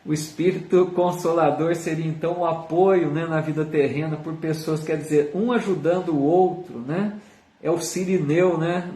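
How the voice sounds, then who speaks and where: A man's voice: a little high, dark tone. A man with a Brazilian Portuguese accent leading a live online Spiritist study, teaching earnestly with frequent tag questions and reading viewer comments aloud. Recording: roomy sound, speaker far from the mic.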